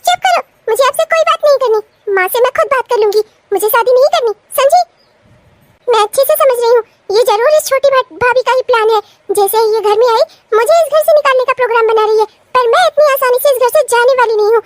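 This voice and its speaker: A woman's voice: very high-pitched, fast talker, few pauses, far from the mic, a little hiss or hum. A woman voicing a spoiled, bratty young woman in a cartoon, who whines and makes demands. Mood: indignant. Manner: whiny, demanding, indignant. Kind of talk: cartoon voice acting.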